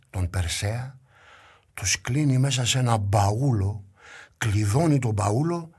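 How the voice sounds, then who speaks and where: A husky-voiced man telling a children's myth with lively, dramatic flair, dropping to a whisper and rising again. A faint strain of music sits quietly behind his voice. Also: on the low side. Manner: lively, dramatic, shifts between whisper and raised voice. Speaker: storyteller. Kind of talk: storytelling narration for children.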